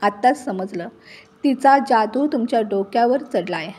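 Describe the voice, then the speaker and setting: Woman reading as cruel young husband, shouting, contemptuous, storybook, slightly high voice. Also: lively intonation, normal speed. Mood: furious.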